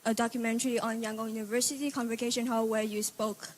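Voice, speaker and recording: Casting: young woman, Burmese accent, higher voice, hesitant student questioner at a forum. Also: flat delivery, fast talker, slight background noise. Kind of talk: audience question to a speaker.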